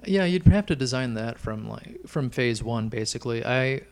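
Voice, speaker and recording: Middle-aged male co-host, gravelly, rambling, filler-heavy casual chat. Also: medium pitch, lively intonation, moderate pace, darkish tone. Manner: rambling, hesitant with many fillers. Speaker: podcast co-host. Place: Chicago.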